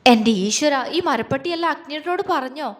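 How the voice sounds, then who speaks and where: A woman's voice: high-pitched, lively intonation, a little fast. A woman voicing a flustered young woman who stammers anxiously. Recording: long reverb.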